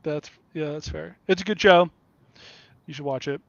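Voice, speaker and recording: A man's voice: on the high side, moderate pace, vocal fry, no echo. A man hosting a casual podcast chat, blunt and profane, laughing often, from the Kansas City area. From Kansas City area, USA. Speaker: podcast host. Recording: dull lo-fi dry sound.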